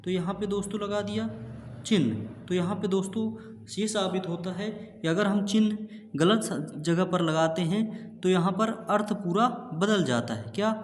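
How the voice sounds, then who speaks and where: A man with a high voice teaches an exam-prep class, calling his listeners friends and asking each point back before answering it. The room is echoey, and his voice trails off in a long reverb. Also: moderate pace, faint music behind. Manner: repeats each point as a question, calls the audience friends. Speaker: Hindi teacher.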